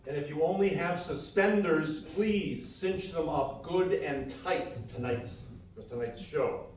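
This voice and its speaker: A comedy radio show performer and co-host does scripted banter on a live hall stage, playing a mock-grand showman announcer for the audience. His voice is high-ish, slow and darkish; the hall is very echoey, the mic distant, with faint noise.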